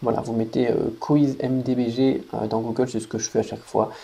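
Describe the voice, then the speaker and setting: Man, casual tutorial, gravelly voice, dark tone, chatty, fillers, desk mic. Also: mid-range voice, flat delivery, brisk. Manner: chatty, self-deprecating, thinks aloud with many fillers. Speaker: online Chinese teacher. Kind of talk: casual screen-recorded tutorial.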